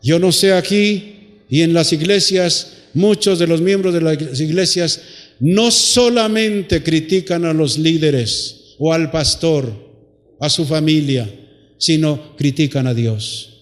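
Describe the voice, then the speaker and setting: A man's voice: a little high, slow. A man preaching a sermon, putting rhetorical questions to his congregation and drawing out phrases for emphasis, recorded in a church hall.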